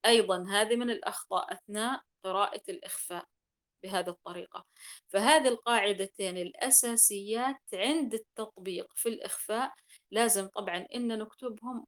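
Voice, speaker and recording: A woman's voice: medium pitch, a little fast. A woman teaching Quran recitation rules in a class, explaining patiently, repeating key points and sounding out examples.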